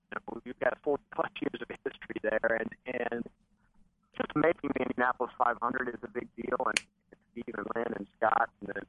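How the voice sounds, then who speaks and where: A middle-aged man calling into a radio interview, speaking earnestly in long run-on sentences over a distorted phone line. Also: medium pitch. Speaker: guest on a phone call.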